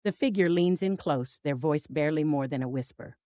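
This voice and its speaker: A woman reading a first-person horror story in an intense, expressive, dramatic style. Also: low-pitched, brisk, no echo, clean studio sound.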